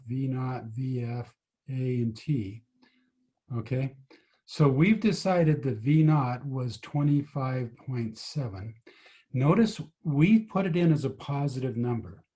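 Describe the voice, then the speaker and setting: A man's voice: mid-range voice, unhurried, warm tone. A man tutoring physics over a video call, patiently explaining each step and asking his students questions. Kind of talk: online tutoring lesson.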